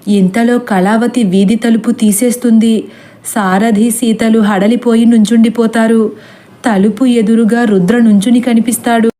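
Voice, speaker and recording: A woman narrating a scripted horror story in a steady, dramatic storytelling way. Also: fairly high pitch, normal speed.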